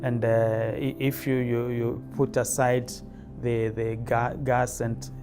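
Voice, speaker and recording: A man speaking hesitantly and quietly in an interview, with many restarts. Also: mid-range voice, level tone, slow pace, music in the background. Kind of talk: interview answers.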